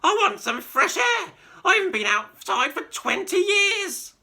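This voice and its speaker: A man voicing a shrieking, boastful old grandmother with a screechy voice, who shouts and cackles. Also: very high-pitched, very animated, unhurried, gravelly, pitched above the performer's own voice, exaggerated voice. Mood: demanding. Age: older.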